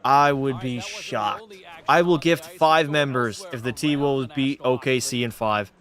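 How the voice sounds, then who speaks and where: Reading his chat aloud while streaming a hockey game, a young man from Canada keeps up casual, profane banter. His mid-range voice has a fairly bright tone and a measured pace.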